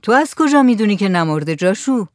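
A woman voicing a gruff old male healer who asks loud, curt questions in an audiobook, recorded dry and close. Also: medium pitch, very animated, no echo, close to an everyday voice. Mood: gruff demanding. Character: gruff old healer man behind a curtain. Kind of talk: audiobook narration.

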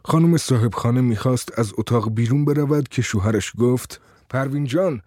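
A man narrating a short story as an audiobook, in a steady, measured reading voice. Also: mid-range voice, dry recording, clean studio sound.

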